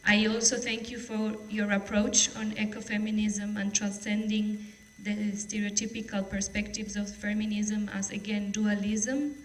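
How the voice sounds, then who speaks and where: A woman from Argentina, commenting from the audience in a measured, hesitant way. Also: mid-range voice, flat delivery, low-quality recording.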